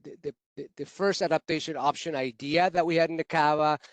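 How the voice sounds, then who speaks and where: A man who leads utility climate adaptation work, giving measured, technical explanations on a video call with frequent restarts. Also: on the high side, no room sound. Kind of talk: virtual workshop remarks.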